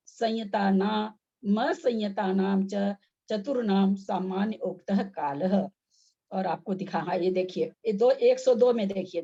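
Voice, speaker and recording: A woman's voice: on the high side, mellow, husky, dull audio. A woman teaching Sanskrit pronunciation in an online class, patient and step by step, with repeated examples.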